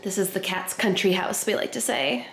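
In a casual vlog filmed indoors in her home kitchen and dining room, a woman in her thirties talks playfully and gushingly to a camera at arm's length. Her voice is medium-pitched at a moderate pace, with roomy echo and light background noise.

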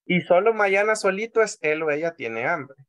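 A man with a Salvadoran Spanish accent teaching a language class over a video call, patient, often repeating words slowly and checking in with the class. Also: high-pitched, expressive, a bit bright.

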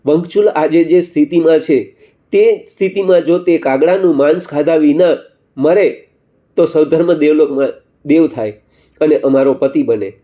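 A man's voice: a little high, normal speed, dull audio, close to an everyday voice. Lamenting young goddesses, as a man tells it. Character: two weeping young goddesses.

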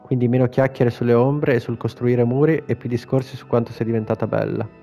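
A man's voice: medium pitch, fairly even intonation, a little fast, creaky, mellow, muffled recording, soft background music, lightly acted. A man reading the lines of a frail, teasing old grandmother from a video game, in his own plain voice.

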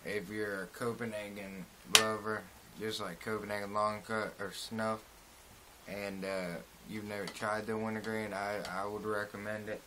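A young man with a dip in his lower lip, casually rambling through a review from a small shed, recorded on a propped-up phone. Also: little pitch movement, normal speed, pushed and bright, slight background noise, rough recording. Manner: laid-back, repetitive, plain country speech. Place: small open shed, rain outside. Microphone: phone propped on a door.

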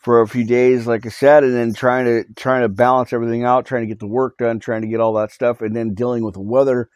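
In a small home studio room, using a cell phone, a male pastor reads scripture and offers a live prayer update on his podcast, speaking haltingly with fillers and restarts while earnestly urging listeners to repent. He's recovering from losing his voice, which is medium-pitched, flat in delivery, and a little mellow, in a dry recording.

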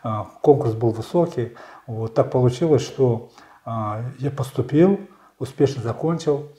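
A man in his sixties, a candidate answering interview questions in a measured storytelling way, often pausing with fillers. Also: medium pitch, mellow, roomy sound. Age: 60s. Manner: measured, storytelling, frequent hesitations. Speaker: election candidate. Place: small bright studio.

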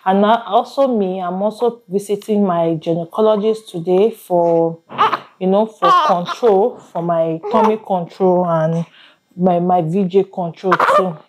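A woman's voice: lowish voice, unhurried, a little mellow, low-quality recording. A young woman talking casually to camera at home, rambling with restarts and pidgin asides. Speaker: vlogger mother. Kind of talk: casual vlog talk to camera. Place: home, indoors.

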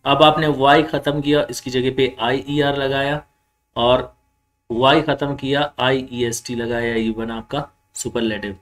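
A male grammar teacher giving a classroom lecture, mixing explanation with slow, spelled-out English examples and answering his own rhetorical questions. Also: medium pitch, fairly even intonation. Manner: asks himself rhetorical questions and then answers them.

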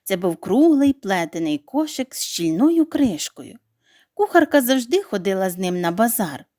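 A woman narrating a children's bedtime story in an expressive, animated reading voice. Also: mid-range voice, normal speed, no echo, studio quality.

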